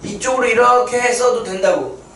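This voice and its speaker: High-voiced male math teacher in echoey room. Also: normal speed, fairly bright tone. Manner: explains step by step, quizzing students with questions. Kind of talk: whiteboard math lecture. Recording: roomy echo, mic set far off.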